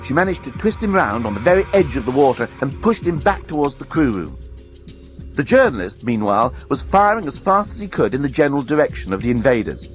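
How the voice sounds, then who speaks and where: Male storyteller, dramatic read-aloud narration, lively pitch, faint music behind. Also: a little fast.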